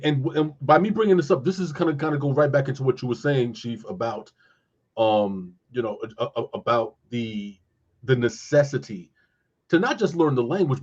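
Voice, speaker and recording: A man in casual talk, explaining scripture animatedly and pausing often with fillers while he looks for words. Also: mid-range voice, breathy edge. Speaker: co-host discussing scripture. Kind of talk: casual discussion. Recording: dull lo-fi sound.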